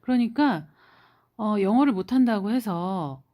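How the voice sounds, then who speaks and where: A woman's voice: mid-range voice, lively intonation, measured pace, dark tone. A woman in her forties from South Korea tells her job-hunting story in a casual vlog, chatty and encouraging, with lots of filler words. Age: 40s. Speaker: immigrant sharing a job-hunt story.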